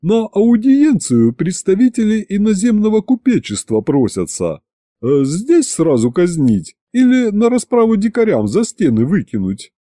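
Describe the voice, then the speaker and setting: Brief: buttoned-up palace servant, flat formal delivery, narrator's voice. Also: male voice, high voice, unhurried, no room sound, voice pushed up. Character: stiff formal male royal courtier.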